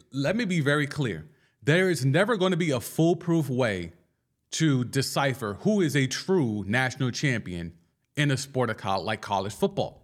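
A man hosting a casual sports podcast, talking in an animated and slangy way and firing off rhetorical questions. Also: medium pitch. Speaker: podcast host.

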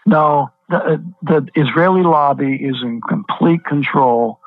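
A man's voice: on the high side, slow, no echo. Man, pastor, emphatic, repeats himself for stress, thin phone-line sound, dry. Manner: emphatic, repeats words when stressing a point. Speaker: pastor, guest. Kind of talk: interview over the phone.

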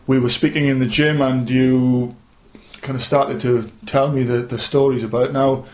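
A man hosting a casual interview show in a friendly, slightly halting way. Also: medium pitch, flat delivery, a little mellow. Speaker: podcast host.

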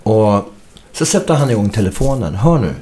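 A man's voice: fairly low pitch, lively intonation, dark tone. A middle-aged man, a musician guest, telling a story in a casual interview, acting out the quoted dialogue and swearing casually.

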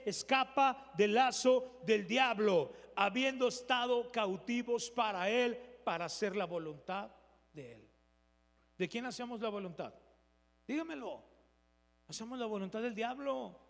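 A man's voice: extremely high pitch, fairly bright tone, long reverb tail. A man preaching a sermon as pastor, firing rhetorical questions at the congregation and mimicking the voices of churchgoers.

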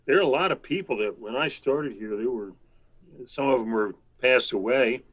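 A man's voice: mid-range voice, muffled recording. Older man telling rambling anecdotes. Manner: rambling, chuckling, quick asides. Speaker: guest. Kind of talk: anecdotal storytelling.

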